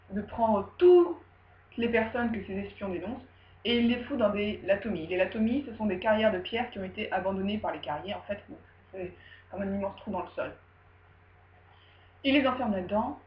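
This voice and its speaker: A woman telling a story aloud in a casual, slangy way, often laughing. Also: medium pitch. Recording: roomy, dull recording with faint ambience.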